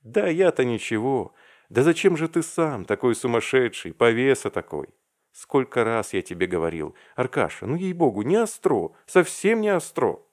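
A man's voice: mid-range voice, sing-song, moderate pace, darkish tone, voice pushed up, close to an everyday voice. Man voicing a flustered, earnest young clerk. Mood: pleading. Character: timid earnest young male clerk, newly engaged.

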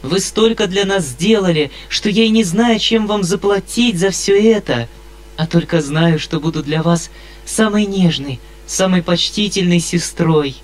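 A man's voice: high voice, measured pace, voice pushed up. A male reader voicing an earnest young woman thanking someone, close to tears. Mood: tearful. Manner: earnest, choked with feeling. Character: tearful, devoted young woman.

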